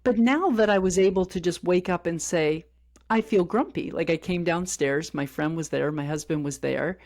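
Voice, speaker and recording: A woman's voice: fairly low pitch, moderate pace, darkish tone. A middle-aged woman co-hosting a podcast, speaking openly and personally, and often acting out bits of dialogue as she tells her stories. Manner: open, personal storytelling with frequent reenacted dialogue. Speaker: podcast co-host. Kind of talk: candid podcast conversation.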